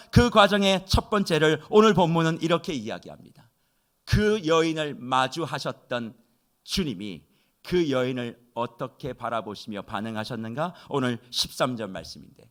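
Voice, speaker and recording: 감정이 풍부한 남성 목사의 새벽 설교. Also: male voice, high-pitched. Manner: emotional, swings from loud emphasis to near-whispers; slows down and stretches key words. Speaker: pastor. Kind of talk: dawn prayer sermon. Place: church sanctuary.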